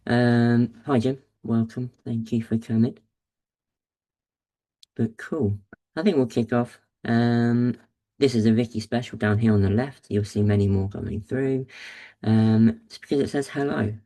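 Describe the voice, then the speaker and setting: A man's voice: medium pitch, fairly even intonation, measured pace, dark tone. A man hosting and presenting a business webinar in a casual, upbeat way, with frequent fillers, speaking over a video call microphone. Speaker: webinar host, agency founder.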